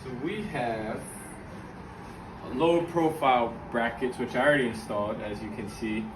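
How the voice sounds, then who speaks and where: At a moderate pace and medium pitch, a vlogger chats informally with his audience, explaining tech hands-on and sharing stories from his own life in slangy terms. It's his own channel, and there's a lot of noise behind him.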